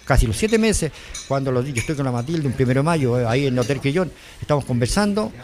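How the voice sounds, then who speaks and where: A man's voice: medium pitch, lively intonation, fast talker, a little mellow, a little hiss or hum. An older man with a Chilean accent giving a rambling personal testimony, often repeating himself and quoting what others said. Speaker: interviewee, former driver.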